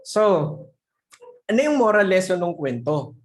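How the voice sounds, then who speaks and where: This online selling coach tells a story to a live audience, moving easily between Tagalog and English. The delivery keeps turning back to the listeners with quick tag questions. The coach chuckles through the funny parts of the story. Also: mid-range voice. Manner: lively storyteller, frequent tag questions, laughs at own jokes.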